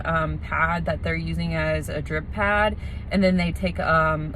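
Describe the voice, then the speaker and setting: Casting: female vlogger, slightly low voice, informal rambling explanations, recorded with some background noise. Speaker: vlogger preparing for nose surgery. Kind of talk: casual vlog chat.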